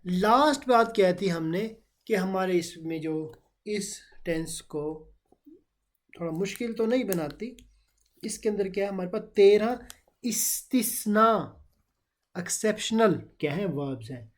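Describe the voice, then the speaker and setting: A man teaching Turkish grammar in Urdu in an online class, explaining rules slowly and asking rhetorical questions. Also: high voice, expressive. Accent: Pakistani Urdu.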